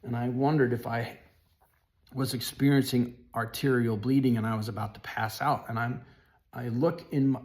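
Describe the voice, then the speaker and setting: A man telling a personal story in an earnest, halting way, often restarting his sentences. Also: medium pitch, steady tone, a little mellow.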